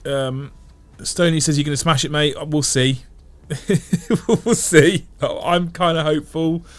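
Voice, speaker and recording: A man with a slightly high voice hosts a casual livestream, chatting and reading viewer comments aloud at a measured pace with fairly even intonation. He thinks out loud in long runs, chatty and prone to restarts and repeated phrases.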